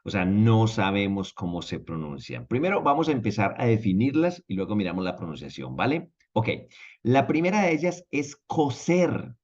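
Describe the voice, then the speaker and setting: A man's voice: lowish voice, dull audio. A man teaching an online language lesson, explaining patiently and checking in with his viewers. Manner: lively, drawn-out teaching delivery with repeated check-ins. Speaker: English teacher.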